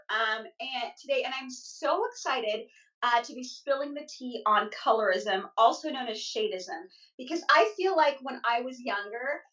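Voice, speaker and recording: A woman co-hosting a casual chat show, animated and fiery in her opinions. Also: on the high side, distant mic, lo-fi sound. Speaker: co-host. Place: in the United States.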